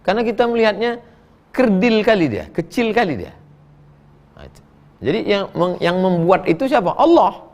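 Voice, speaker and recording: A man's voice: sits high, normal speed, pauses often. A middle-aged male preacher, answering questions from the audience in a folksy, joking way. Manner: folksy, joking, animated storytelling. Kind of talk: humorous question-and-answer sermon.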